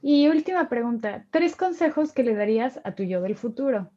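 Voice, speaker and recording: A woman's voice: a little high, animated, moderate pace, warm tone, highs cut off. A woman interviewing a guest, asking short questions and prompting answers. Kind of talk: casual interview.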